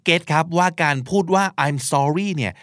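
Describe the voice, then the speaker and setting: A podcast host with a fairly high, fairly bright voice explains vocabulary at a moderate pace, spelling words out and acting out short examples. The sound is clean studio quality with no echo.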